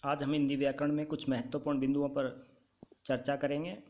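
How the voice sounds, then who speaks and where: A male teacher giving a grammar lesson, dictating notes slowly and repeating key points for students to write down. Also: mid-range voice, flat delivery, darkish tone.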